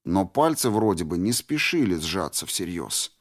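A man narrating an audiobook in a steady, measured way. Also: low-pitched. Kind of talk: scripted narration.

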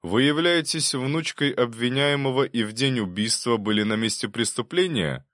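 A man's voice: mid-range voice, normal speed, fairly bright tone, dry recording, clean studio sound, pitched above the performer's own voice, close to an everyday voice. A man reading an audiobook, voicing a persistent assistant prosecutor who cross-examines with pointed questions.

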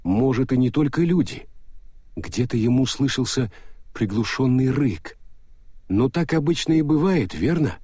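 A man narrating an audiobook in an even storytelling manner. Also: medium pitch, a little slow, breathy edge, no room sound, clean studio sound. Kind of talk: scripted narration.

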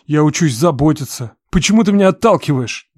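A rough, drunk young man growls and demands answers in a low, hoarse voice, as a woman reader puts him on. The audiobook sound is dry and close, with no room around it. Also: animated, normal speed, a little mellow, dry recording, full character voice. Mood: angry pleading. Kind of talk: audiobook reading.

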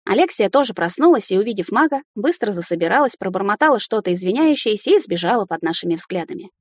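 Woman narrating an expressive audiobook. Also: quick pace, no room sound, clean studio sound. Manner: expressive, heated and higher in argument. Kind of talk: first-person audiobook narration of a fantasy novel.

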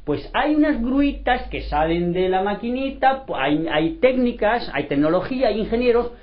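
A man, a street sweeper, talking in a casual group discussion and telling animated stories, acting out the dialogue. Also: sits high. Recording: lo-fi recording.

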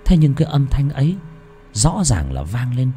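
Brief: male horror narrator, very expressive pitch, suspenseful delivery, soft music bed. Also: moderate pace. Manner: dramatic, suspenseful storytelling.

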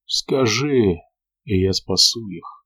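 A man reading an audiobook, voicing a cruel, scornful vampire lord who speaks slowly and emphatically. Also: fairly low pitch, lively intonation, a bit bright, heavily acted. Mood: menacing. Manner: hoarse, slow and emphatic.

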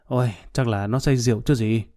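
A man voicing a sly, scheming middle-aged man who brushes off worries in a smooth, dismissive way, in a storybook reading. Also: medium pitch, fairly even intonation, fairly quick, warm tone, soft background music, close to an everyday voice.

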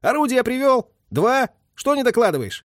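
An irritable army officer with a toothache, shouting and cursing in a high, swooping voice, as a male narrator puts him on. The voice is dry and close to the mic. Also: very animated, normal speed, no echo. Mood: angry. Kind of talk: audiobook character voice.

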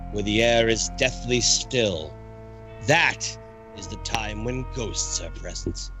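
A man's voice: medium pitch, pushed and bright, exaggerated voice. A man playing a sinister, theatrical ghost who hosts a haunted tour, drawling and gloating with cackling laughs. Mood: ominous. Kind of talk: amateur reenactment of a ride narration.

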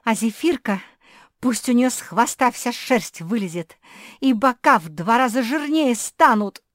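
A woman voicing a touchy, tearful young female cat in a storybook reading, with shrill, loud outbursts. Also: expressive, measured pace, dry recording, studio quality. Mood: furious.

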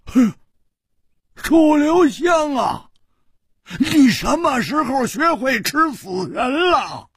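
A man's voice: high-pitched, huge pitch swings, moderate pace, gravelly, husky, dry recording, clean studio sound, voice pushed up, heavily acted. A man voicing a boisterous young swordsman who stammers and guffaws.

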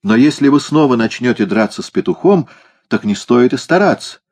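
A man voicing a brisk, practical sister. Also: medium pitch, animated, darkish tone, husky, voice pushed up. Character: practical, no-nonsense grown woman, the sister.

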